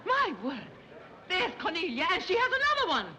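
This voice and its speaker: A woman's voice: very high-pitched, big pitch swings, fairly quick, bright, forceful tone, a faint crowd, heavily acted. An actress playing a scatterbrained, fussy, middle-aged society mother in a 1930s screwball film. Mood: flustered. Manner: fluttery, fussy, dithering. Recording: noisy 1930s film soundtrack.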